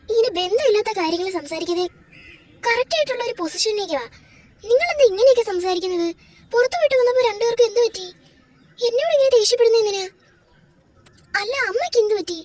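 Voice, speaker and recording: An extremely high, animated voice plays a confused young wife in a homemade doll drama, pleading and growing tearful. The delivery is brisk but broken by long pauses, with slight background noise.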